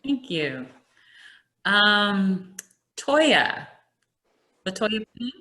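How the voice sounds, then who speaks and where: A woman's voice: mid-range voice, very animated, drawn-out words, bright, forceful tone. A woman facilitating a group video call, calling on each participant in turn with short encouraging prompts. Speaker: discussion facilitator.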